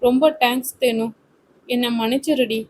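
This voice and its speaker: A woman voicing an earnest young woman in love, speaking softly to her friends in a storybook reading. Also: fairly high pitch, fairly even intonation, moderate pace, close to an everyday voice, poor audio. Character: young woman in love, cool then apologetic.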